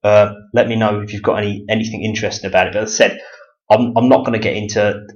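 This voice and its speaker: Low-voiced man, rambling. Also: little pitch movement, quick pace. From Medway, Kent, England. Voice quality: chatty and mocking, chuckles often, lots of ums and restarts. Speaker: video blogger. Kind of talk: casual rambling monologue to camera. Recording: dull lo-fi home recording.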